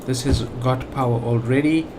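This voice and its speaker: Casual let's play chatter comes from a gaming channel host with a South African accent, his medium-pitched voice moving at normal speed. The background is noisy, and his thinking-aloud style is full of fillers and false starts.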